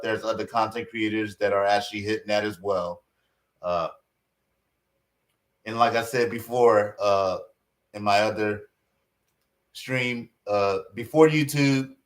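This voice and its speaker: A man giving casual online commentary, rambling, with many fillers and restarts. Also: fairly low pitch.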